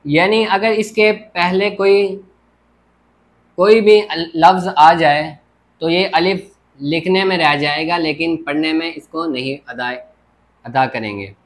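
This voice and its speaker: A man's voice: fairly high pitch, takes it slowly. A man teaching a grammar lesson at a board, explaining step by step and often checking with "theek ho gaya". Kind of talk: classroom lecture at a board.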